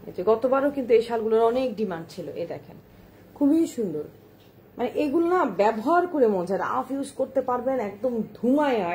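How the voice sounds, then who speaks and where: A woman's voice: on the high side, dark tone, a little hiss or hum. Chatty woman selling shawls live. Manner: chatty, repeats phrases, urges viewers to look; mixes English words into speech. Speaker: online shawl seller. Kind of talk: live-stream product showcase.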